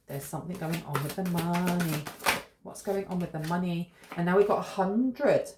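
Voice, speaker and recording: Talking at normal speed with a voice on the low side, a British tarot reader muses her way through a casual reading to camera, full of fillers. The sound is very noisy, captured by a close-in-front camera in an echoey room.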